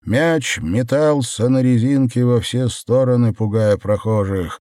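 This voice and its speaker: A man narrating an audiobook in an expressive, read style. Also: medium pitch, a little slow, dry recording, studio quality. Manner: expressive reading. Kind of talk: scripted narration.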